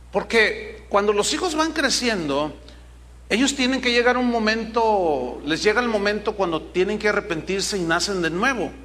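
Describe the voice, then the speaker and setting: Middle-aged pastor, man, preaching a sermon; high, bright, emphatic delivery with lots of rhetorical questions.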